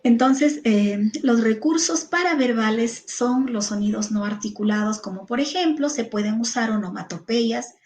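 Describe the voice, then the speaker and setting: A woman with a Peruvian Spanish accent lectures a class of teachers, working through one point at a time. She lists examples one by one and fills her pauses with little hesitations. Her voice sits somewhat high. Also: a little mellow, low-quality recording.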